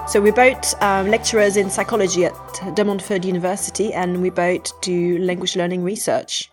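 Over music, a low-voiced woman from Quebec, Canada, speaks with little pitch movement; French is her first language. She lectures in psychology and co-hosts a podcast, and in this conversation she tells stories in a thoughtful, measured way with frequent hesitations.

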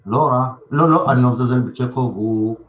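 A man's voice: medium pitch, a little hiss or hum. A man being interviewed as a theatre director, telling stories conversationally and repeating phrases for emphasis. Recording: echoey room, slightly dull sound.

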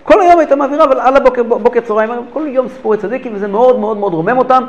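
A man teaching a religious lesson who tells stories with animated, repeated phrases for emphasis. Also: very high-pitched, highs cut off. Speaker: rabbi teacher. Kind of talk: lesson storytelling.

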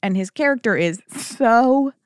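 Brief: young woman co-host, bouncy, swooping pitch, dry close sound. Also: unhurried, clean tone, no room sound. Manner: enthusiastic, reactive, expressive. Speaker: podcast co-host. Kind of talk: casual chat.

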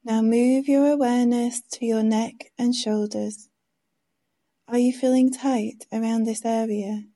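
A woman leading a guided meditation in a soft, soothing, hushed manner, giving gentle instructions. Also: fairly high pitch, fairly even intonation. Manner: slow, gentle instructions with pauses.

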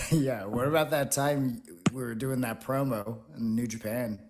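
A man's voice: mid-range voice, steady tone, a little slow, background noise. A man guesting on a podcast, telling stories with lots of laughter. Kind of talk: casual storytelling.

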